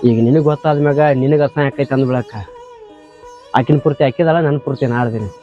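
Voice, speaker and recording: A man plays an indebted village tractor driver with a North Karnataka accent, talking fast and defensively. The recording is slightly dull, with faint music underneath. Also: mid-range voice, lightly acted. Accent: North Karnataka Kannada. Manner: defensive, pleading. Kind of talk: short-film acting.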